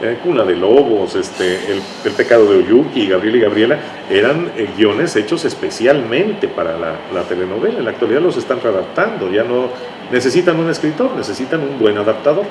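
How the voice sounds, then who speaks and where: Speaking briskly and with great animation, a medium-pitched older Mexican man reminisces in conversation. He's a writer being interviewed as a guest. Clear background noise fills the echoey room around him.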